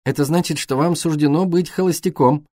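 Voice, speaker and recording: A man's voice: mid-range voice, lively intonation, moderate pace, a little mellow, husky, no echo, clean studio sound. A man voicing a greedy, eager young boy in an audiobook.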